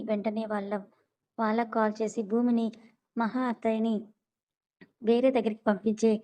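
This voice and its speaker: A woman's voice: a little high, warm tone, low-quality recording. A woman narrating a serialized story and reading every character's lines in her own voice. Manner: reads all characters' dialogue in her own voice.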